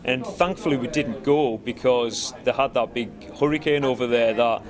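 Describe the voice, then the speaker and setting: A man's voice: medium pitch, moderate pace. A man with a Cumbrian accent, a band musician giving a casual interview in a rambling way, often saying "you know". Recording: busy crowd chatter around. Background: crowd chatter at a live event.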